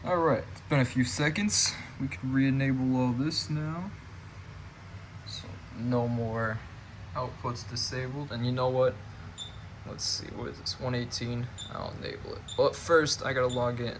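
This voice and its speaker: Man, casual demonstration commentary, unhurried pace, informal step-by-step narration, faint background noise. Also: mid-range voice, steady tone. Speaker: fire alarm hobbyist demonstrator.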